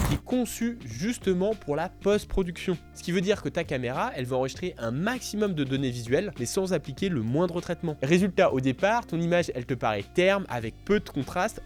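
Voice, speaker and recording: Casual French-speaking drone tutor, higher voice. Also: male voice. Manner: friendly, addresses viewer informally. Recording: faint background music.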